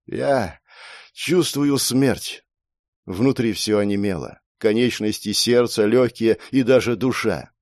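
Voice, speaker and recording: Man narrating a dark audiobook. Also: mid-range voice, no echo, studio quality. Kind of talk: first-person audiobook narration.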